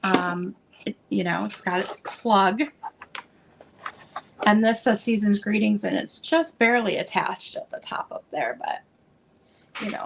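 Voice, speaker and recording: A woman selling vintage items, chatting casually and meanderingly as she unpacks, with plenty of fillers, and a voice that is going a bit hoarse. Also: medium pitch, a bit bright, a little hiss or hum, low-quality recording. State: losing her voice. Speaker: vintage seller showing stock. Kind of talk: casual unboxing chat.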